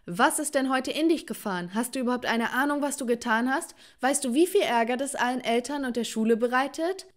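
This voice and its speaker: A woman voicing an angry, threatening male school principal in an animated story. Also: medium pitch, normal speed, few pauses, lightly acted. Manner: scolding, threatening.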